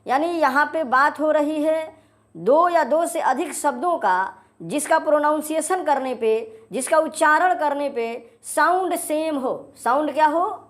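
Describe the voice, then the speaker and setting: Casting: woman teacher, high voice, slow and repetitive, keeps checking in with the class. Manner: repeats key phrases slowly, checks understanding with "right?". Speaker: English grammar teacher. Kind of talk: classroom-style lesson explaining definitions.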